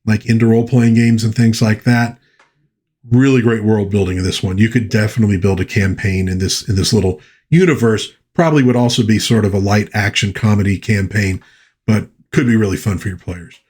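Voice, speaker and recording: On the low side and a little mellow, with a breathy edge, this man's voice runs slightly fast. He hosts a pop culture channel and rambles through a relaxed review of old pulp fiction for viewers, correcting himself often as an enthusiastic fan and reading a few short passages aloud.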